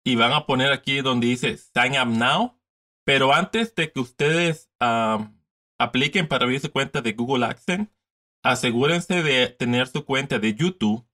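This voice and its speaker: Bright-voiced man walking through a screen tutorial. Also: mid-range voice. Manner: casual, repetitive step-by-step explaining, mixes in English words. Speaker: tutorial host.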